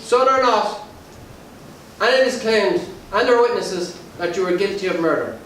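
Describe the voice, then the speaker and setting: A man's voice: sits high, animated, moderate pace, a bit bright. A man playing a stern, commanding mayor and magistrate in a historical play, with formal, solemn, declamatory delivery. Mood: solemn, unyielding. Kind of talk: historical stage play acting. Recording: echoey hall, distant mic, faint noise.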